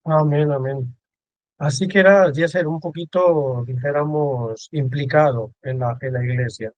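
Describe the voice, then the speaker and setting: A man hosting a casual video-call interview, talking in a warm way with many restarts and repeated words. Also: a little high, measured pace, no echo, dull audio. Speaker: host.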